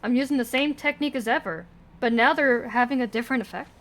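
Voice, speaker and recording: A woman game streamer gives casual livestream commentary over video game music, tossing in sarcastic asides and swearing and sometimes reading dialogue aloud. Her voice is fairly high and a bit bright, and she talks fast.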